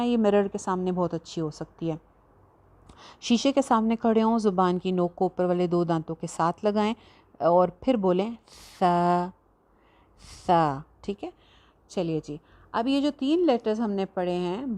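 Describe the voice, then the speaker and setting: A woman teaching a tajweed lesson, patiently explaining and slowly demonstrating each letter sound. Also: mid-range voice, darkish tone. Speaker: Quran recitation teacher.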